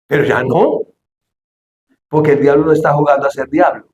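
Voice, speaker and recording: A male pastor delivering an animated sermon, shouting the quoted lines and asking the congregation questions. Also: fairly high pitch, normal speed, reverberant, muffled recording. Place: church hall.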